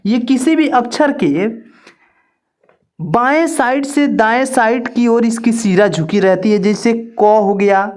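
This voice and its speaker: A fairly high-pitched woman walks learners through an alphabet lesson. She speaks very slowly and patiently. She repeats each point and draws out her words, like a teacher at a board. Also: a little mellow. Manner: patient, repetitive, drawn-out teacher delivery. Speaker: online Hindi teacher. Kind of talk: slow step-by-step alphabet lesson.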